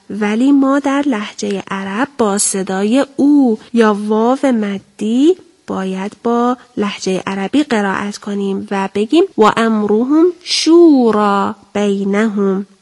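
Brief: woman teacher-host in a TV studio, raised pitch, careful and deliberate delivery. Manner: careful, deliberate, slows down for quoted verses. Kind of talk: televised Quran memorization lesson.

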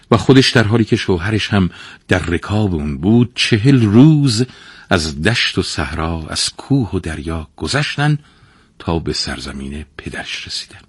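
A man narrating a folktale in an expressive, dramatic storytelling manner. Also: deep voice, breathy edge, no room sound.

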